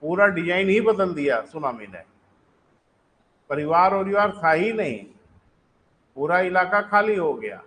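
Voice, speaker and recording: A man teaching a live online class, explaining in a conversational way, calling his students "beta" and repeating key sentences slowly for them to write down. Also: high voice, big pitch swings, a bit bright, poor audio.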